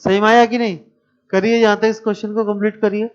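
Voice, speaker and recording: Male math teacher, high clear voice, talks students through each step, dull lo-fi recording. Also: flat delivery, quick pace. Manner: explains step by step, questions the class. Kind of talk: classroom lecture.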